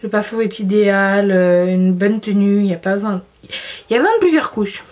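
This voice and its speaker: Speaking at a normal pace in a mid-range, somewhat mellow voice, this young woman is a beauty vlogger gushing about her favorite makeup. Her manner is chatty and giggly, full of false starts and self-deprecating jokes.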